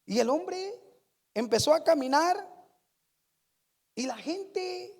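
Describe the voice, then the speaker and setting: A woman preaching a sermon, telling a story slowly and building to fervent praise. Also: very high voice, expressive, vocal fry. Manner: slow storytelling, rising to fervent shouted praise. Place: church sanctuary. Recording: reverberant church hall.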